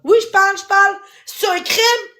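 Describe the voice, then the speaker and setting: Woman, Québécois accent, extremely high pitch, hoarse, agitated pleading live-stream rant. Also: fairly even intonation, normal speed, sharp tone. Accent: Québécois French. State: hoarse, voice worn out. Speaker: livestreamer. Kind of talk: emotional live-stream venting.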